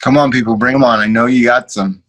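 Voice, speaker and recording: A man's voice: mid-range voice, steady tone, fast, fairly bright tone, poor audio. Upbeat man on a video call podcast. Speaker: podcast co-host and guest. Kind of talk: casual chat.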